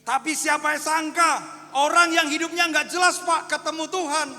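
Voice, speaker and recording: A male pastor in his thirties preaching a storytelling sermon to a congregation, moving between hushed and fervent delivery. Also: very high-pitched, little pitch movement, moderate pace. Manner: storytelling, addresses congregation as Pak and saudara; swings from hushed to loud, fervent. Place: church hall. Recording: long echo of a church hall.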